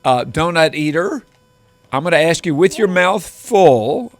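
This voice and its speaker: A man's voice: a little high, expressive, a little slow, dry recording. A man reporting live on a morning news show from inside a game shop, upbeat and joking with the people he meets. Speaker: field reporter.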